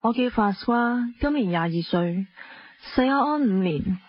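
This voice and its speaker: In a radio drama, a young actress with a Hong Kong accent voices a spoiled, playful wife in her twenties narrating her own story in the first person. Her fairly high voice is expressive and a little slow, breezy and candid, on dull lo-fi audio with faint noise.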